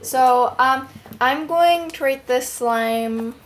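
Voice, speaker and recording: A young woman giving a casual, excited product review as a show host, recorded at home through a headphone microphone. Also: sits high, very slow. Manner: excited, gushing. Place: bedroom at home. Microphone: headphones used as microphone. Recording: headphone mic with clear background noise.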